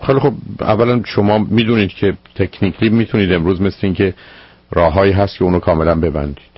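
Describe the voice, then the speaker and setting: A man hosting a call-in radio advice show, giving calm, measured guidance to callers. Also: sits low, husky, no room sound. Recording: muffled lo-fi radio broadcast.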